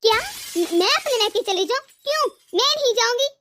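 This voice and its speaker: A woman's voice: very high-pitched, brisk, bright, forceful tone. A woman voicing a young daughter-in-law in a cartoon, indignant and reproachful. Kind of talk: cartoon voice acting.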